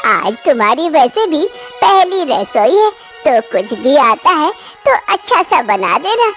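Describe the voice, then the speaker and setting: A woman's voice: high-pitched, very animated, unhurried, a bit bright, full character voice. A woman voicing an affectionate old village mother-in-law who fusses over her new daughter-in-law. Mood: doting. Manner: fussing, affectionate. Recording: faint music underneath.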